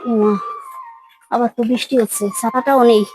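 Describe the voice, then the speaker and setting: A woman's voice: on the high side, fairly even intonation, fairly quick, music in the background, close to an everyday voice, low-quality recording. A woman playing a harried village wife and mother who grumbles about her daughter and pleads with her husband. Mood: grumbling. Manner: scolding, then pleading and coaxing. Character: harried village housewife and mother, young adult.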